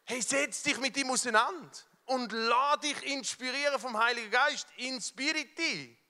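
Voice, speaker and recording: A middle-aged man with a Swiss German accent preaching a sermon, telling a story with fervour, dropping from loud to hushed. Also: very high-pitched, moderate pace. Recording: long hall reverb with faint music.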